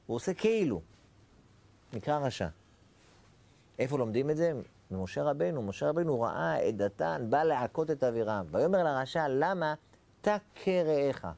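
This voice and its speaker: A man gives a rabbi's Torah lesson in a warm, gravelly voice. His pitch rises and falls widely as he asks rhetorical questions and acts out short dialogues. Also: lively intonation. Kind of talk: Torah lecture.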